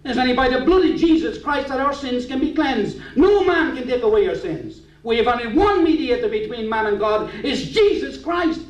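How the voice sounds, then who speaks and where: A man's voice: extremely high pitch, expressive, moderate pace, hardly any pauses. Fervent Irish Traveller man preaching testimony. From Ireland. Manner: fervent, storytelling, nonstandard grammar. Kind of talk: gospel testimony sermon. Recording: echoey room, distant mic.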